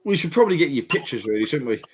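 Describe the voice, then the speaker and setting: A man co-hosting a casual podcast, briskly reading out fixtures and giving his picks. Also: mid-range voice, big pitch swings, husky. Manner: brisk, reads out fixtures with "right, number ...". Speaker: podcast co-host reading out match list. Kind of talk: casual chat making match predictions.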